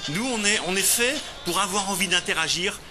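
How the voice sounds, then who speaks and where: A man's voice: high voice, fairly quick, over music. A man from Lyon, France, founder of a robotics company, answering TV interview questions in an explanatory way, with frequent hesitations and restarts.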